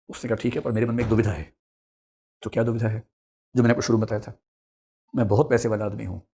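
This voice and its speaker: A middle-aged male teacher tells a story to his class at a quick clip. His voice sits at a middle pitch, and he slips into the characters' lines with lively, chatty asides. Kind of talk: storytelling lecture.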